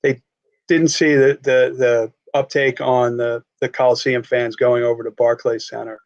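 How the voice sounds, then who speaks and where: A Long Island man with a matching accent chats about sports as a guest in a casual interview, speaking at normal speed in a medium, fairly flat pitch with a darkish tone. The lo-fi recording catches his restarts and fillers.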